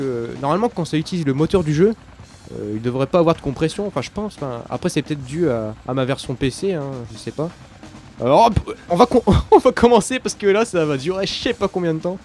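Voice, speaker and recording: A young man talks over his gameplay in a slightly high voice, stumbling through his words with many hesitations. Faint game music plays under his commentary. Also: darkish tone. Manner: rambling, loses his thread, many fillers. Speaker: let's play commentator. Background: game sounds and music.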